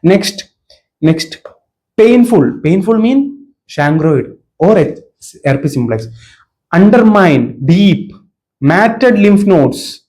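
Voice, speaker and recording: Male medical exam tutor, Malayali accent, native Malayalam. Slightly high pitch, dark relaxed timbre, informal lecture delivery that hammers key words with frequent check-ins. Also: drawn-out words, low-quality recording. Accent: Malayali Indian. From Kerala, India. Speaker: medical exam coaching teacher.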